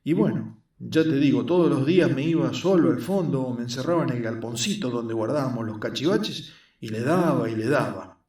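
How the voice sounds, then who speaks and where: A man's voice: expressive, fairly quick, dark tone, lightly acted. A man voicing an earnest, skinny young man, explaining his craft patiently. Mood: confiding. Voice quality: squeaky. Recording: roomy echo, mic at a distance.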